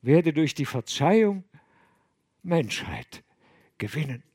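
A man voicing a distraught young man who sobs and reproaches himself in a high, loud lament. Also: very animated, takes it slowly, husky, full character voice. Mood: anguished. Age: young adult. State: sobbing.

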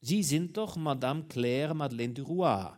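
A man's voice: fairly high pitch, a little slow, a little mellow, natural voice. A man reading an audiobook, voicing a formal and insistent male police commissioner who questions people. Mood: stern questioning. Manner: formal, commanding.

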